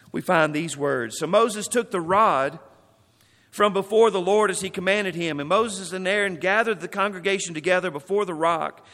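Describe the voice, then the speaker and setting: High-voiced preacher in a reverberant hall. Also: male voice, bright, forceful tone. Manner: reads scripture aloud, then comments on it. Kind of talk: sermon reading and explaining scripture.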